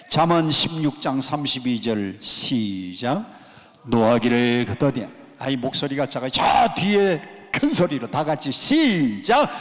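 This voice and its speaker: A male pastor preaching a sermon, leading the congregation in call-and-response. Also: a little high. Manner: call-and-response preaching, drawn-out emphatic lines. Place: church sanctuary at a prayer retreat. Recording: long church hall reverb.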